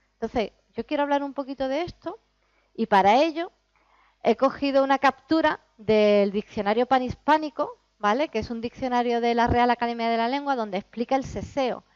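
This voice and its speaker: A woman from Spain, explaining pronunciation as a teacher giving a talk, lively and demonstrating sounds. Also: sits high, dry recording, lo-fi sound. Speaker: Spanish teacher. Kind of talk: lecture to teachers.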